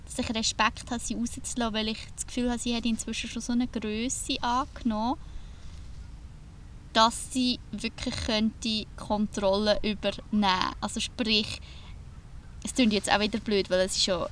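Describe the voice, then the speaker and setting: A woman's voice: on the high side, little pitch movement, normal speed, a bit bright, a little hiss or hum. A woman co-hosting a podcast, speaking reflectively and hesitantly in casual chat from inside a camper van. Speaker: podcast co-host.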